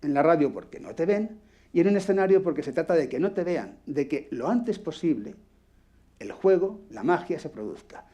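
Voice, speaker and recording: Blunt, foul-mouthed Spanish workshop teacher. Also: male voice, fairly high pitch, animated, moderate pace, dark tone. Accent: Peninsular Spanish. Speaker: radio acting workshop instructor. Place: workshop room with microphone.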